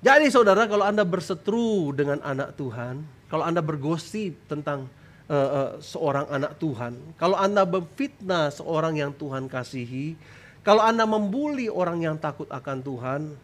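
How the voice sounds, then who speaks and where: A man's voice: animated, normal speed. A man preaching a sermon as pastor. He preaches with strong emphasis, keeps calling out to his listeners, and his voice leaps up when he cries out prayers. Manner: emphatic preaching, often tags lines with "saudara"; voice jumps high when crying out prayers. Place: church stage.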